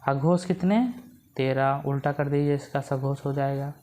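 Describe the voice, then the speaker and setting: Low-voiced woman teacher quizzing her class. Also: steady tone, normal speed, dark tone. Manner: asks the class questions and answers them herself; repeats key points for memorizing. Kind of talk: exam-prep grammar lesson.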